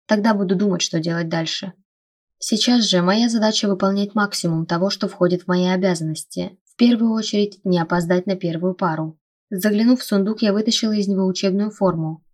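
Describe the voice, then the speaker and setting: A woman narrating a first-person fantasy audiobook in a steady storytelling read. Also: medium pitch.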